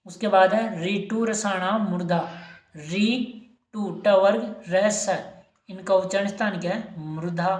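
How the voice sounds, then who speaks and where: Woman teacher in an echoey room. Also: mid-range voice. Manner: asks questions and answers them herself, repeating key terms. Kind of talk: exam-prep lesson.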